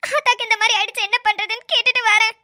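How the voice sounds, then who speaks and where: A woman's voice: very high voice, level tone, very fast, bright, forceful tone, full character voice. A woman voicing a frightened, devoted young granddaughter in a cartoon, pleading and tearful. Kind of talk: cartoon voice acting.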